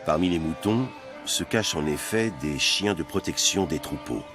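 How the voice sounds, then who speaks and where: A man's voice: rumbling low, lively intonation, normal speed. A man reading scripted narration for a nature documentary in speech. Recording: music bed under narration. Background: music.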